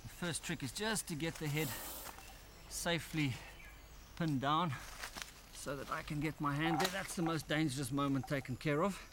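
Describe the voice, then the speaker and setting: A man's voice: a little high, moderate pace, background noise. A man presenting a wildlife documentary outdoors in a grove, explaining eagerly while handling snakes. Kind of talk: documentary narration and field presenting.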